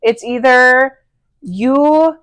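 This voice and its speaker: A woman's voice: sits high, drawn-out words, fairly bright tone, smooth, dry recording. Blunt woman co-host, dry close sound. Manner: blunt, swears freely, lots of "like" fillers. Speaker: podcast co-host. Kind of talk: casual chat.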